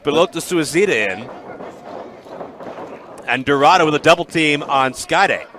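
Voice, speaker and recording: Animated lucha libre announcer, higher-pitched man. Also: normal speed. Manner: clipped play-by-play calls. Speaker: wrestling play-by-play announcer. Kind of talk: lucha libre match commentary. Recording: loud noise around the commentary.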